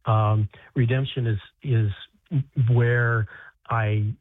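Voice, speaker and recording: Halting American man on a tinny phone line. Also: mid-range voice, little pitch movement, no echo. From United States. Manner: halting, many restarts and repeated words. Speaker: author guest. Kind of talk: interview conversation.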